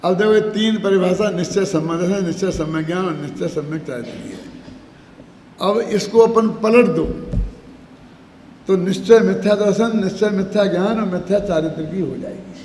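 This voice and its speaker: An older man giving a scripture discourse, explaining slowly, chanting verses and asking the audience questions. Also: high-pitched, darkish tone. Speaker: Jain scripture lecturer. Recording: echoey hall, faint background noise.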